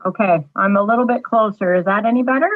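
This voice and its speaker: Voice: medium pitch, quick pace, no echo. A township staff member presenting a report at a council meeting over a garbled, glitchy remote call, speaking hesitantly and apologetically. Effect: garbled, glitchy remote call audio. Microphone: remote call line. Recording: tinny, dry phone-like call line.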